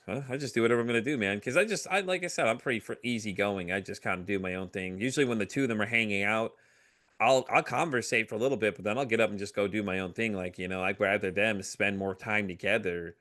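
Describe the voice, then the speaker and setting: A middle-aged man with a fairly low voice, speaking openly as a podcast guest. He tells his story in an animated way, full of fillers and little acted-out quotes of other people. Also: fast talker. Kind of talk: candid conversational storytelling.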